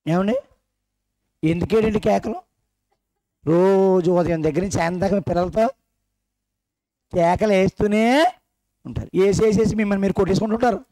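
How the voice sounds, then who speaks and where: A man with a fairly high voice delivers a sermon at a church gathering. He keeps throwing questions at his listeners and teases them along the way. The recording is dry and close, with little room sound. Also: normal speed, pauses often, mellow, no echo. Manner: questions the congregation directly and teasingly. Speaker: preacher. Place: church meeting hall.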